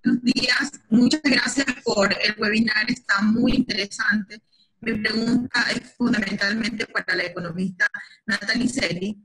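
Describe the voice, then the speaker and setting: A woman's voice: mid-range voice, steady tone, moderate pace, fairly bright tone, breathy edge, low-quality recording. A woman from Ecuador, an earnest audience member asking a question on a video call.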